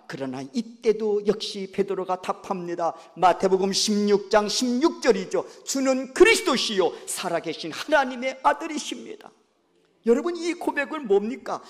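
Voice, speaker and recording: High, lively Korean pastor preaching. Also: male voice. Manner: animated, dramatizing scripture. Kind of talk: sermon. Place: church sanctuary. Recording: echoey church hall.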